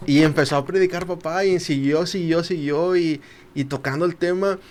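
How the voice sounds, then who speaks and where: A young man, a podcast guest telling a personal story. He acts out the quoted voices and turns quiet at the emotional parts. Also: on the high side, moderate pace, a little hiss or hum. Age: young adult. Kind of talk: casual storytelling.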